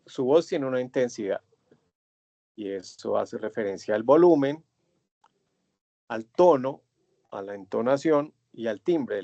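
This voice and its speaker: A male instructor with a Colombian accent, giving an online class lecture in a measured, drawn-out way and stressing key words. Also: mid-range voice, vocal fry, mellow, dry recording. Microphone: computer mic on a web conference. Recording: dull, dry web conference audio.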